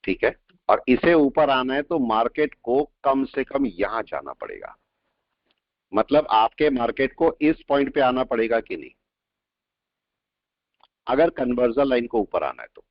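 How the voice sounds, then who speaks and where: A man's voice: mid-range voice, sing-song, dry recording. Man teaching, quizzing his class. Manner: quizzing students with quick questions. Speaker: trading instructor. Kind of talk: live classroom lesson. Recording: dull lo-fi audio, dry.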